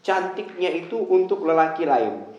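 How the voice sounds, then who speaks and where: A man giving a lively religious lecture, telling everyday stories and acting out quoted voices. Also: a little high, normal speed, highs cut off, noisy background. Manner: animated storytelling, acts out quoted voices. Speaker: preacher. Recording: echoey hall with faint ambience.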